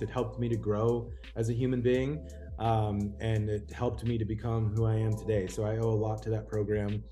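A man's voice: lowish voice, warm tone. A man hosting, talking casually with frequent fillers and "right?" asides. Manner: chatty with frequent ums and rhetorical "right?". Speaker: host and program alumnus. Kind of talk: casual talk.

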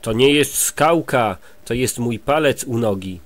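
A man voicing a huge, clumsy male giant as he reads a storybook aloud, drawing the words out slowly. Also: mid-range voice, expressive, no echo, close to an everyday voice. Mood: slow booming.

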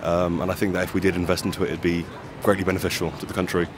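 A man's voice: low-pitched, flat delivery, racing. A young man interviewed on the street, answering thoughtfully and a little tentatively. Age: young adult. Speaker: passer-by. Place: busy city street outdoors. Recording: street noise behind.

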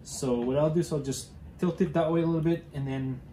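A man's voice: on the high side, fairly even intonation, a little fast, mellow, roomy sound, slight background noise. A young man hosting a casual how-to demonstration, talking hesitantly with many fillers and restarts while he works with his hands in a cluttered garage. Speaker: DIY car channel host.

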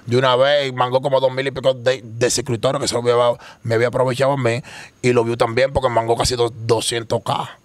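Fast-talking man telling stories. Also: medium pitch, level tone, no echo. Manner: rapid, rambling storytelling with slang. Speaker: interview guest. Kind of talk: casual street slang interview.

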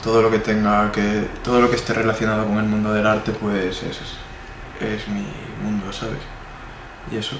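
An interviewee from Spain, an artist in his twenties with a Spanish accent, answers questions at normal speed in a fairly low, completely flat voice. His replies ramble and are full of fillers, and the indoor recording is echoey and noisy.

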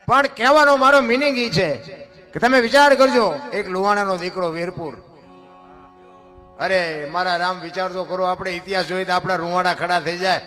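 A man's voice: sits high, pushed and bright. A man giving a devotional sermon, telling a saint's story in a folksy way and voicing its characters. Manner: folksy, addresses listeners as bapu, voices characters in stories. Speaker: spiritual storyteller. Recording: music playing behind.

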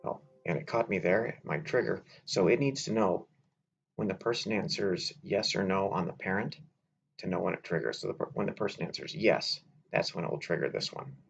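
A man walking through a software tutorial step by step, in a relaxed way with filler words, over a slightly dull recording with faint noise. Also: low-pitched, normal speed, gravelly, soft background music. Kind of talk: screen-recorded software walkthrough.

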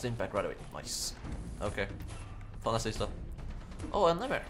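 A young man giving casual, excitable commentary while playing a video game, yelping and shouting during fights. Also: lowish voice, over music. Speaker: gaming YouTuber. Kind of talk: casual Let's Play commentary.

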